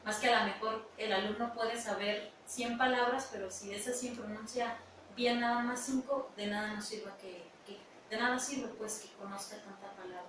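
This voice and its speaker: A woman's voice: on the high side, fairly even intonation, normal speed. A woman, an English teacher speaking as a radio guest, explaining with many fillers and restarts. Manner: hesitant, with fillers. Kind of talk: educational radio talk. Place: radio studio. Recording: echoey room, distant mic, noisy.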